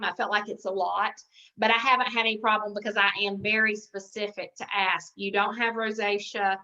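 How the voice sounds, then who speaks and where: On a conference call, a female sales director gives consultants an informal training talk, chatty and rambling as she thinks out loud. Her mid-range voice is bright and forceful. The call line audio is dull and lo-fi.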